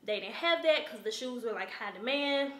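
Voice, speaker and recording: A young woman, from Memphis, chatting excitedly to camera while getting ready at home. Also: on the high side, moderate pace, roomy sound. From Memphis, USA. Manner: chatty, excitable, lots of "like" and "y'all". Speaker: lifestyle vlogger. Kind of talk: casual chat to camera. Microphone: camera or phone camera.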